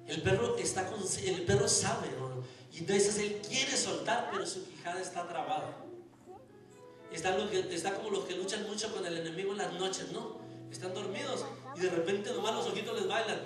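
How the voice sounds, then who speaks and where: Male pastor, storytelling sermon, swings from hush to shout, high voice, distant mic. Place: church sanctuary. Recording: echoey church hall, distant mic, music.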